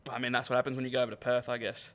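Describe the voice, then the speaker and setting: An Australian man co-hosting a sports podcast in loud, matey lad banter, blokey, sweary and rambling. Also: medium pitch, level tone, very fast.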